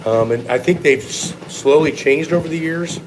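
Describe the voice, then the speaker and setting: Blunt man chatting over clear background noise. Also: fairly high pitch, moderate pace. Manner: blunt, opinionated, profane. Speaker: strength coach answering viewer questions. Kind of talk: casual live Q&A chat.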